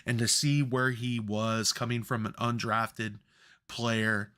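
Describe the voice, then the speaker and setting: Man, bright tense voice, casual sports podcast co-host, profane and worked up. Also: medium pitch, level tone, takes it slowly, smooth.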